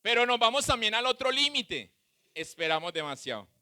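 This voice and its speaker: A male pastor preaching a sermon with a Colombian Spanish accent, swinging between loud shouts and soft asides. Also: extremely high pitch, big pitch swings, a little fast, no echo.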